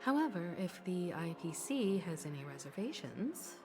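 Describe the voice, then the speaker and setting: A woman's voice: on the low side, sing-song, normal speed. A woman playing a poised, self-assured leader in an anime game, speaking with refined formality. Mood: gracious. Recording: faint game music behind.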